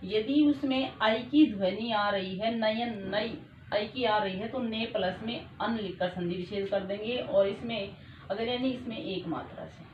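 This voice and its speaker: A woman's voice: mid-range voice, a little slow. A young woman teaching a grammar lesson, patiently repeating each point and checking that her students follow. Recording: echoey room, dull lo-fi sound, faint noise.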